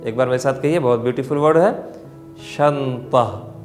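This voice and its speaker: A man teaching Arabic vocabulary. He says each word slowly and repeats it for learners to follow, and he often slips English phrases into his explanations. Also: mid-range voice, darkish tone, soft background music. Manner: slow, deliberate repetition of words for learners. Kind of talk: vocabulary lesson with drills.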